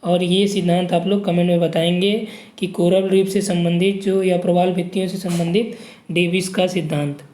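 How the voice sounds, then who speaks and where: A man's voice: high voice, level tone, moderate pace, darkish tone, echoey room. A man teaching an exam-prep geography lesson, reading questions and options aloud and checking in with students. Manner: reads options aloud, frequent "ठीक" checks.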